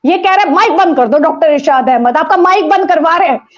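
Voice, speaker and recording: A woman's voice: very high voice, quick pace, lo-fi sound. A woman from India anchoring a heated TV news debate, talking over her guests combatively.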